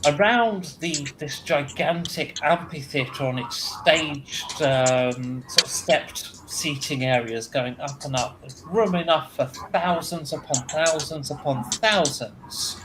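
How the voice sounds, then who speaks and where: A man running a tabletop game, narrating scenes at an unhurried pace with frequent pauses and filler sounds. His voice sits at a middle pitch, and a faint hiss runs under it. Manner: slow, halting with ums and uhs. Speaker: game master.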